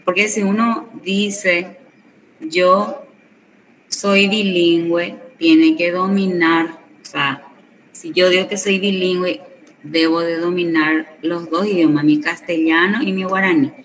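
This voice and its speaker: In this classroom lesson, a Guarani teacher explains at a slow pace, regularly confirming with tag questions that her students follow. Her voice is lowish and a bit bright, with fairly even intonation, captured from a distance with faint noise in the background.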